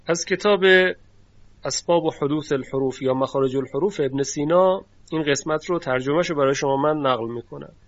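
A man's voice: fairly high pitch, dry recording. A man teaching the phonetics of Quranic recitation in a formal, courteous lecture, explaining and demonstrating sounds aloud. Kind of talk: recorded lecture. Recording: dry, dull lo-fi recording.

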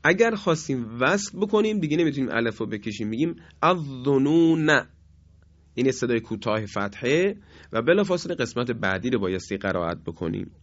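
Male radio recitation teacher, measured and hesitant, draws out example words, mid-pitched, dry studio sound. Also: sing-song, dry recording, muffled recording. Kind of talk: radio lesson.

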